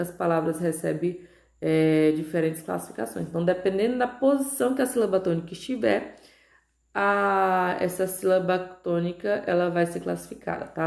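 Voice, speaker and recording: A woman teacher with a Brazilian Portuguese accent gives a recorded lesson, her voice low and gravelly. She stretches each example word out slowly and keeps asking her students whether they follow. The room adds a noticeable echo. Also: a little mellow. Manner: slow, stretched-out pronunciation of example words, frequent "tá?" checks. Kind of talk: recorded online grammar lesson. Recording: echoey room.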